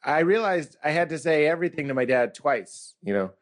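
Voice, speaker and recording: A man telling comic stories about his family as a therapy patient, animated and self-mocking. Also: a little high, a little fast. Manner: animated, self-mocking, acts out quoted voices. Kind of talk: comic storytelling in a mock therapy session.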